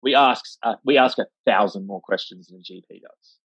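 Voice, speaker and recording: A veterinarian with a lowish, slightly bright, breathy voice chats at a moderate pace as an interview guest, with no echo. He rambles, leans heavily on fillers and acts out the voices he quotes, recorded dry, lo-fi and a bit dull.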